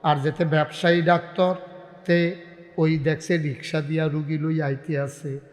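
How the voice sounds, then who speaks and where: A man with a regional Bangladeshi Bengali accent preaching a waz sermon, telling a story in soft quoted dialogue and rising to loud, chanted calls that ask the crowd to respond. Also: a little high, level tone, a little slow, in a large hall. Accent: regional rural Bangladeshi Bengali dialect.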